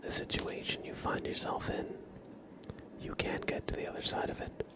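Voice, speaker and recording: This ASMR streamer is a man whispering breathily, offering reassurance and positive affirmations in gentle, broken-up phrases.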